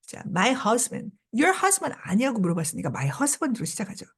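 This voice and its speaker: At a measured pace, a husky-voiced woman pitched on the high side reads a novel aloud for her English class and explains it in Korean. She stays lively, carrying students along with recurring little prompts like "자" and "그죠?".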